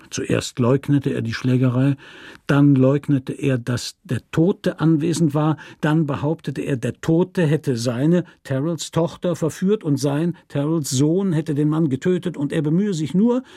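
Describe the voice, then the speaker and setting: A man narrating a literary crime story for a radio drama in a measured, even storytelling manner. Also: on the high side, creaky, breathy edge, dry recording, studio quality.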